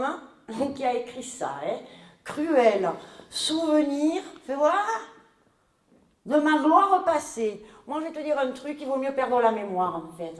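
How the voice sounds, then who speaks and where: A woman's high voice rings through a large, echoey hall as she plays a comic role in a live sketch: a scheming, chatty middle-aged mother from the south of France, new to the scene, rambling indignantly in a southern accent.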